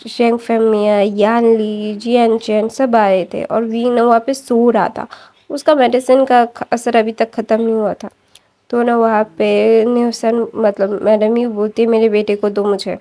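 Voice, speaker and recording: A woman casually retelling a fan story, chatty, linking sentences with fillers and quickly correcting herself. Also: on the high side, mellow.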